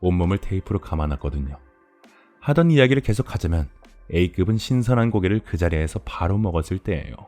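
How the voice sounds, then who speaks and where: Over background music, a man with a low, darkish voice plays a polite but sadistic cannibal farmer in a horror audio drama. Animated and a little fast, he explains things in a courteous, leisurely, gloating manner that feels calmly menacing.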